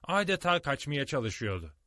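A man narrating a storybook audiobook in an expressive, dramatic way, recorded on a close studio mic. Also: a little high, normal speed, no room sound.

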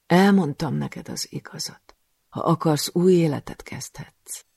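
A cruel, scheming cult master from an audiobook thriller, put on by a male reader. He speaks slowly and with quiet menace, sometimes sinking to a whisper, in a heavily gravelly voice recorded close and dry. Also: fairly high pitch, no echo. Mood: pleading.

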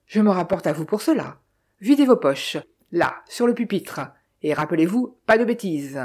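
A woman's voice: lowish voice, sing-song, moderate pace, a little mellow, slightly rough. A woman voicing a stern, ironic lady of the house in an audiobook, dry and commanding.

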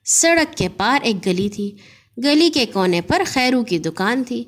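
A woman narrating a children's story in a clear, even storytelling manner. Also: on the high side.

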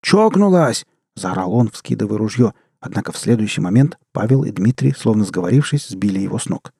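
A man narrating an audiobook in a measured, low-key manner. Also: creaky, dark tone, breathy edge, no echo, clean studio sound. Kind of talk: scripted narration.

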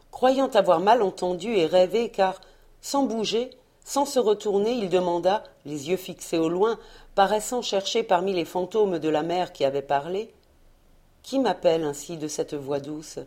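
A woman narrating a novel in a measured, expressive reading voice. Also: mid-range voice. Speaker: audiobook reader. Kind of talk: scripted narration.

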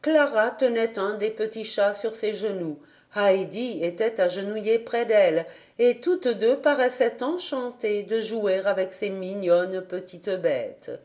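A woman reading a children's novel aloud as an audiobook, in an expressive, measured way. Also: mid-range voice. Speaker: audiobook reader. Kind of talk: storybook narration.

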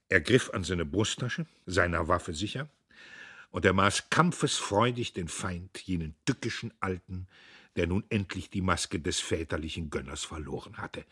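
A man reading a novel aloud in a dramatic, expressive narration. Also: low-pitched, husky. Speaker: audiobook reader. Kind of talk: literary audiobook narration.

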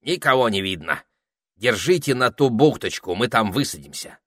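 A man's voice: medium pitch, expressive, normal speed, a bit bright, no echo, studio quality, pitched above the performer's own voice. A man voicing a bossy, fussy talking male parrot in an audiobook, with theatrical, indignant outbursts. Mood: brisk. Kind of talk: audiobook character voice.

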